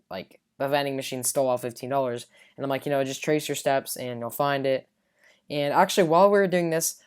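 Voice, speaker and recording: A woman with an unusually deep, smooth and resonant voice tells a casual storytime vlog. She rambles through it loosely, full of fillers and side remarks. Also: a little mellow. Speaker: vlogger.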